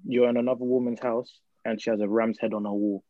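A man's voice: medium pitch, flat delivery, fast talker, phone-quality sound, crowd noise. A young man with a London roadman accent, casually putting questions to his friends in slang. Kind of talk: casual group banter.

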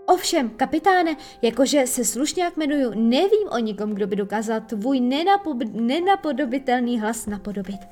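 A woman's voice: a little high, expressive, few pauses, darkish tone, soft background music, lightly acted. A woman voicing a polite, eager pirate who fawns over his captain. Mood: fawning. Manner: eager, fawning. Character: fawning polite pirate, adult man.

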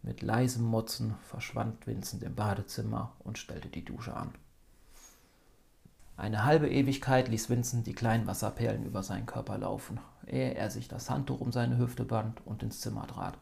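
A man reading a story as scripted narration in a steady storytelling manner. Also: lowish voice, normal speed, creaky. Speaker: audiobook reader.

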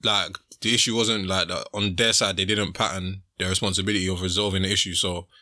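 A man's voice: sits low, steady tone, a little fast, bright, forceful tone, dry recording, clean studio sound. A young man with a London roadman accent, chatting casually on a podcast in slangy, repetitive short phrases. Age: young adult. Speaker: podcast speaker.

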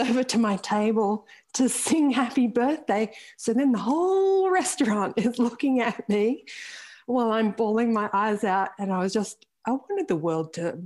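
A woman's voice: fairly high pitch, darkish tone. A woman in her forties speaking candidly as a podcast guest, telling a personal story openly with laughs and the odd swear word. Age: 40s. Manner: open and frank, with laughs and mild swearing.

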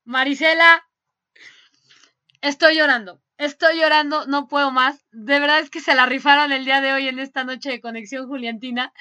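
A woman hosting a fan radio show, reading listener messages in casual chat and gushing with frequent laughter. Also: high-pitched. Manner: laughs often, gushing and excitable.

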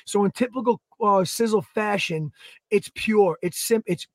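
A man, co-hosting a podcast in energetic, rambling casual chat. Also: high voice, measured pace, dry recording, studio quality. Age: 30s. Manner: energetic, rambling, plugs products. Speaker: podcast co-host.

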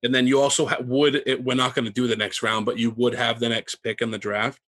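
A man's voice: mid-range voice, little pitch movement, quick pace, fairly bright tone, no room sound. A man co-hosting a casual fantasy football podcast, talking in rambling runs full of fillers. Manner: rambling with many fillers and restarts. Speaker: podcast co-host.

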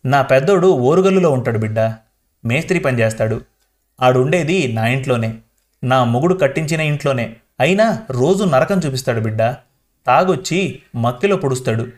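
A man's voice: medium pitch, animated, normal speed, pauses often, lightly acted. A man reading the part of a frail, beaten 78-year-old grandmother, pleading and tearful in a storybook reading. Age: older. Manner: tearful pleading, addressing the listener as child.

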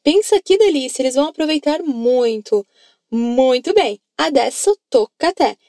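A woman's voice: high-pitched, animated, moderate pace, mellow, no room sound, clean studio sound. A woman with a Brazilian Portuguese accent teaching an Italian lesson, coaxing listeners to repeat phrases after her. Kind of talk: language lesson narration.

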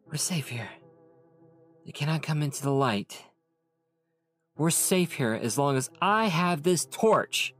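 Man playing an anxious mother, higher register, lively, soft music under. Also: unhurried, pauses often. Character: frightened young mother protecting her son. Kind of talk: storybook narration.

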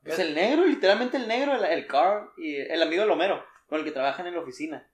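Rapid joking young Mexican man. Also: sits high, lively intonation, roomy sound. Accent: Mexican Spanish. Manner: joking, slangy, mimics voices. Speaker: podcast co-host. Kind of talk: casual chat.

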